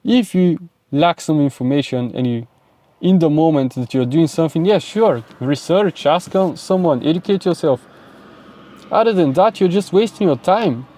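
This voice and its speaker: A young man with a Bulgarian accent, a self-improvement vlogger and speaking coach, gives an emphatic, repetitive motivational talk straight to camera. His voice is a little high and warm, with lively intonation at a moderate pace.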